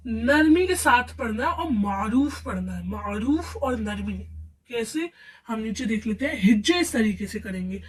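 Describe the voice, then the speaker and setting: A woman gives a spoken lesson for beginners, taking her time over each syllable. She asks her own questions and answers them, in a slightly high, unhurried voice. The mic sits some distance from her. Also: expressive. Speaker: Quran reading teacher.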